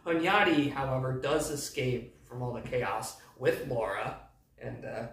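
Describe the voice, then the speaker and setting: A man's voice: medium pitch, steady tone, unhurried, fairly bright tone. A man hosting a casual movie recap who rambles and hesitates, full of fillers. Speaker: movie review host. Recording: echoey room, distant mic.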